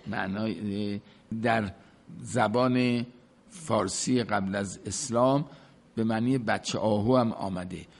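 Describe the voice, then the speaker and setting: Guy teaching old poetry, reads a line slow then breaks down the words casually. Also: lowish voice, creaky. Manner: recites verses slowly, then explains words in casual speech. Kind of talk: explanatory lecture on a verse text.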